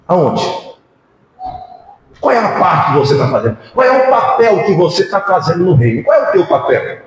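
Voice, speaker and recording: A man's voice: high voice, very animated, normal speed, slight background noise. A man with a Brazilian accent preaching a sermon as pastor, passionate and full of rhetorical questions, in a church. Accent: Brazilian Portuguese. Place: church hall. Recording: very echoey church hall.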